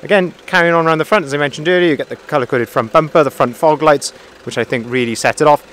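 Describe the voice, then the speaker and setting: A man, a car salesman, walking around a used pickup outdoors and calmly pointing out its features. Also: fairly high pitch, fast talker, slight background noise. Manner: friendly, methodical, repeats phrases. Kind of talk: walkaround vehicle review. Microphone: handheld phone camera, filming himself off-screen.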